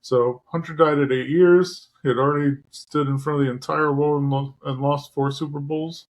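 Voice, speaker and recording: A man on a podcast telling a story with emotion, pausing and apologizing as he struggles to get through it. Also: fairly high pitch, fairly even intonation. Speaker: podcast co-host. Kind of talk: emotional storytelling in casual talk.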